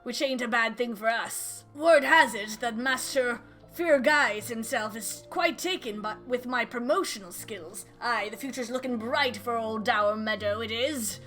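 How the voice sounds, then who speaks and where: A woman voicing a boisterous male arena announcer and promoter from a video game, with theatrical, drawn-out showman patter. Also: a little high, pushed and bright, soft background music. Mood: gruff, jovial. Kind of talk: video game dialogue read aloud in character.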